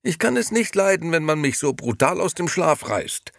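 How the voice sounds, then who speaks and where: A man voicing a jittery young man who whines and complains, with a husky voice. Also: a little high, sing-song, normal speed, a bit bright, no room sound, studio quality, pitched above the performer's own voice, full character voice. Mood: whining. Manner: whining, plaintive.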